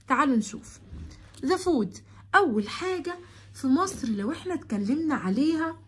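A young woman with an Egyptian Arabic accent teaching children English, reading English words slowly and explaining quickly in Arabic. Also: sits high, husky. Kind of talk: classroom lesson explaining English grammar.

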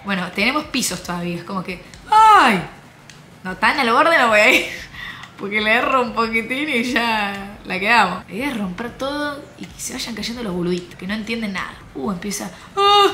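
A young woman with an Argentine accent, commenting on her own gameplay, muttering softly while she plays and breaking into high shrieks. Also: animated, normal speed, slight background noise. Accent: Argentine Spanish. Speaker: gaming YouTuber.

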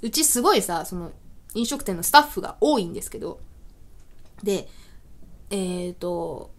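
A woman hosts a web radio show alone, chatting casually and acting out little everyday scenes, laughing at herself often between lines. Her medium-pitched voice is animated and moves at normal speed.

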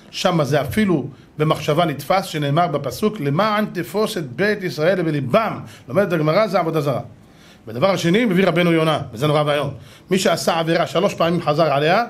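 A rabbi gives a lively Torah lesson, peppering his listeners with rhetorical questions and acting out little stories. His high-pitched male voice swings between loud outbursts and hushed asides.

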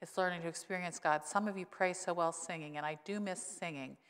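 A little fast and fairly even in pitch, a sixty-something female pastor delivers a wryly humorous, conversational sermon at a church pulpit microphone. The sanctuary gives a long reverb, and she remarks that her voice has deepened since being ill.

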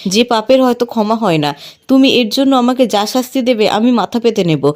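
A woman's voice: fairly high pitch, brisk, darkish tone, natural voice. A woman reading as a remorseful pleading younger brother.

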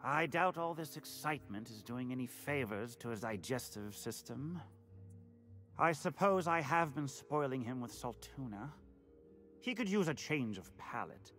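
A man's voice: medium pitch, lively intonation, a little slow, fairly bright tone, faint music behind. An actor voicing a fussy, pampering upper-class man who frets over his pet in a game, talking in a prim and anxious way. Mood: fretful. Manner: prim, fretful, posh.

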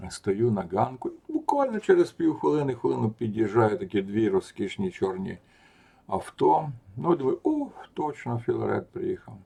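A man with a low, gravelly voice tells a personal story in casual spoken style. His tone carries a husky edge, and he grows animated and scornful as the tale builds, pushing louder at the punchlines. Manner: animated and mocking, rising loud at the punchlines. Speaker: storyteller recounting a personal anecdote.

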